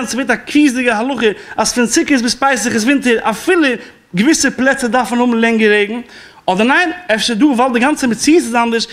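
A man's voice: extremely high pitch, a bit bright. A man giving a rabbinic law class as a spoken lecture, explaining and quoting sources, with an occasional chuckle.

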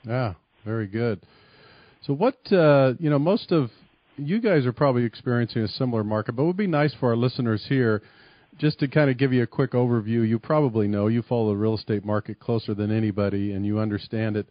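A man's voice: medium pitch, a little fast, dry recording, lo-fi sound. A man hosting a radio show near San Francisco, asking long, rambling questions of a guest. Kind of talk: interviewing a guest.

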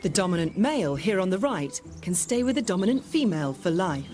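A woman's voice: fairly low pitch, big pitch swings, fairly quick, darkish tone, soft background music. A woman reading scripted narration for a nature documentary.

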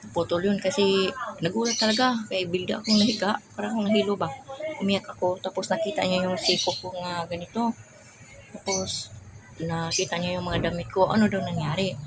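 A woman's voice: fairly low pitch, fairly even intonation, a little fast, heavy background noise. An older woman, chatting casually and telling a rambling personal story while she searches for words. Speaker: vlogger. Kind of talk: casual chat.

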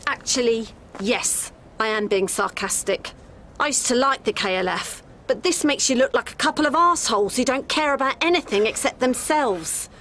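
An actress playing a dry, sarcastic artist in a comedy radio drama. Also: female voice, a little high, animated, moderate pace, a bit bright, a little hiss or hum. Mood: indignant.

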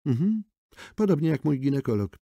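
Brief: sardonic woman lawyer, raised lively gravelly voice, read by a man. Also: lowish voice, fairly quick, no room sound, lo-fi sound, voice pushed up. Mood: mocking. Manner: brusque, mocking. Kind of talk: audiobook character voice.

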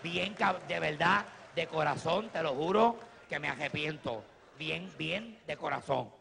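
A Puerto Rican comedian performing stand-up on a theater stage, talking in a lively way with big swings in his voice. His tone is fairly high and gravelly, and it rings with a long echo off the hall. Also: unhurried, a little hiss or hum. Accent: Puerto Rican Spanish. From Puerto Rico. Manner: animated, swings from low asides to loud shouts.

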